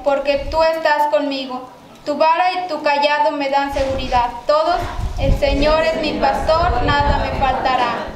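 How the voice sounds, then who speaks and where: A woman with a Mexican accent leading liturgical prayers and readings at a church mass, in a measured recited cadence with occasional restarts. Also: high voice. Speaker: lay prayer leader. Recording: very echoey church with background noise.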